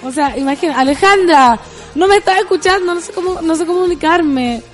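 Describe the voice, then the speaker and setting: Chilean woman, morning radio host, high bright voice, playful and jokey, music faint underneath. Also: brisk. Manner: playful, joking, rambling. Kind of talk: morning radio chat reading listener messages. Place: radio studio.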